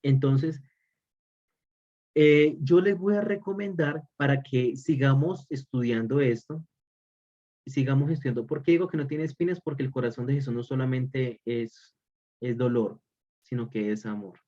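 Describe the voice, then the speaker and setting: Man, mid-pitched teacher voice, repeats key points, muffled call audio. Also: normal speed, dark tone. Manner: repeats key phrases for emphasis. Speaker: religious formation teacher. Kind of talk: online class lecture. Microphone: video call.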